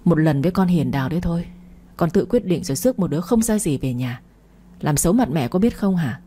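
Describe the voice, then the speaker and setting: A woman's voice: on the low side, lively intonation, fast, dark tone, husky. A woman voicing a stern older mother who scolds her grown son. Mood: scolding. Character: stern older mother, disapproving then resigned.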